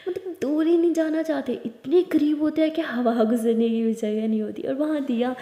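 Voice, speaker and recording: A woman's voice: high-pitched, steady tone, normal speed, dark tone. A woman narrating a love story in a chatty, conversational way with casual asides. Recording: echoey room with long reverb.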